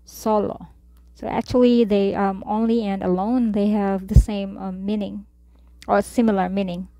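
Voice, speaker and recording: A woman tutor teaching a Spanish vocabulary lesson, saying each word and then repeating it slowly for learners. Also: medium pitch, little pitch movement, mellow, dry recording.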